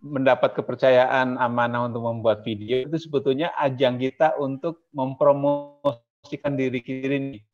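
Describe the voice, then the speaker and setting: A man's voice: mid-range voice, normal speed. Chatty man trainer on a call. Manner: relaxed, chatty, self-deprecating. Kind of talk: casual webinar talk. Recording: slightly dull lo-fi sound.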